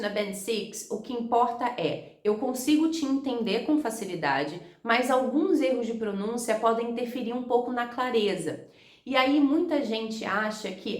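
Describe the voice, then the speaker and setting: Young Brazilian woman, Rio accent, teacher explaining test tips to camera, echoey room. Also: on the high side. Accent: Rio de Janeiro Portuguese. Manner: direct, talks to viewer as "you", models English phrases slowly. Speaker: English teacher.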